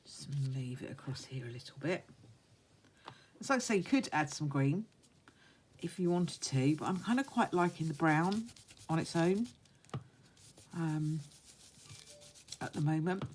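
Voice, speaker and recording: A woman with a low, croaky, hoarse voice talks casually through a hands-on craft demonstration. She is unhurried, commenting as she works. There is some background noise on the recording. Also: expressive, a little mellow. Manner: unhurried, talks along while working with her hands. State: hoarse, still getting over a croaky voice. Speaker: craft vlogger demonstrating techniques. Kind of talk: casual craft tutorial chat.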